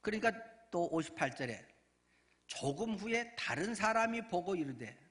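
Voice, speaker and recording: A male pastor giving a sermon, telling the story in a lively way and acting out the voices of the people in it. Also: high voice, normal speed. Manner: animated storytelling, acts out voices.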